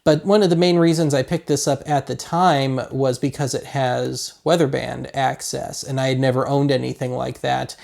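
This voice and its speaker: This host of a hobby video series, a man in his thirties from Colorado with an American accent, rambles wryly and casually through a product review. His medium-pitched voice is gravelly and a little mellow, steady in tone, at normal speed with few pauses.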